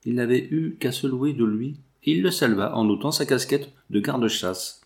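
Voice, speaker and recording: A man's voice: medium pitch, normal speed, gravelly, darkish tone. A man narrating a classic French novel as an audiobook reader. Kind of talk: scripted narration.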